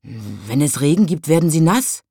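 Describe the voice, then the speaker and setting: A woman's voice: low voice, very animated, moderate pace, mellow, slightly rough, no echo, clean studio sound, heavily acted. A woman voicing a small, kindly male night watchman in a children's audiobook, fussing and grumbling.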